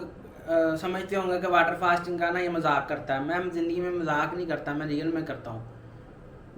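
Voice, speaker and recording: High-voiced young man in an echoey room. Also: a bit bright, slight background noise. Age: 20s. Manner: earnest, repetitive motivational urging. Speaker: vlogger. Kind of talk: personal weight-loss vlog.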